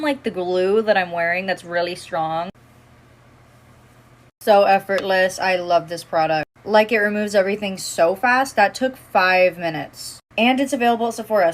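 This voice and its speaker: Young woman plugging a makeup cleanser. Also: medium pitch. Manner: upbeat product promotion. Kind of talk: makeup removal voice-over with product plug.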